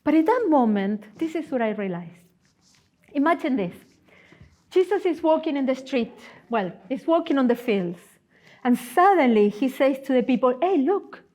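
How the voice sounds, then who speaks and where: A woman's voice: high-pitched, normal speed. A woman in her forties giving a sermon as a guest speaker, telling personal stories with humorous asides. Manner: animated, storytelling, humorous asides. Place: church.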